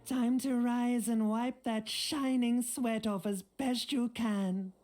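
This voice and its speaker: Brief: a teasing limbic inner voice for a game, slow, slightly high. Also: female voice, steady tone, darkish tone, faint music behind. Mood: coaxing, teasing. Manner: teasing, coaxing, unhurried. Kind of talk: video game voice acting.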